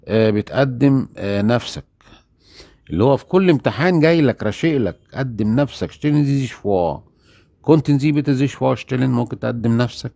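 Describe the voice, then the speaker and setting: An Egyptian man teaching German in a lively way, acting out little dialogues and asking and answering his own questions. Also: mid-range voice, vocal fry, dry recording, studio quality. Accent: Egyptian Arabic. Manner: acts out little dialogues, asks and answers himself.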